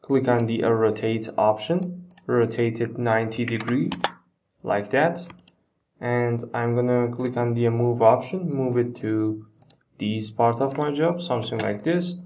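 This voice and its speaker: Recorded from a distant mic, a man walks through a software tutorial step by step, speaking in halting fragments with non-native wording. He has a medium-pitched voice and keeps a steady tone.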